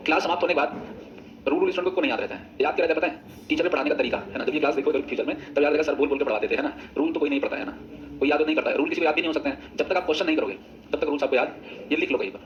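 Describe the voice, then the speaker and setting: A man leads an English grammar class at a quick clip, his voice sitting a little high. He drills the students in chorus and drifts into chatty, teasing asides. The recording is muffled and carries clear background noise. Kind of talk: classroom lecture with choral drills. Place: coaching classroom.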